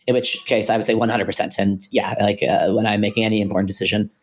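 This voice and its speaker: A man co-hosting a podcast, talking through ideas in a thoughtful, hesitant way with many pauses and restarts. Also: fairly low pitch, flat delivery. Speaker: podcast co-host. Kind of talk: casual philosophical conversation.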